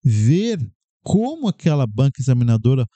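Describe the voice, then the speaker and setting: Animated Brazilian man, dark dry voice. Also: mid-range voice, moderate pace, dry recording. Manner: animated, addresses viewers as "gente" and "cara", rhetorical questions. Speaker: podcast host. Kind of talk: casual talk to camera about exam study.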